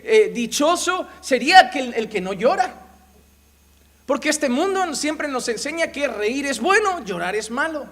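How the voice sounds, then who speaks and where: Male pastor with a very high voice, preaching emphatically and repeating his points. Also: fairly bright tone. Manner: emphatic preaching with rhetorical questions and repeated phrases. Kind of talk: sermon.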